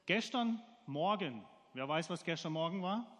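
A man delivers a sermon, telling a homely story and asking his listeners questions. His voice sits high for a man. A long reverb trails behind him in a church hall. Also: expressive, measured pace, fairly bright tone. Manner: storytelling, asks the congregation questions. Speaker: preacher.

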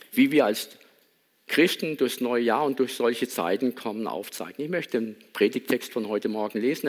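A man giving a sermon in a reflective manner, asking many rhetorical questions and reading a Bible passage. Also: mid-range voice. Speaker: pastor.

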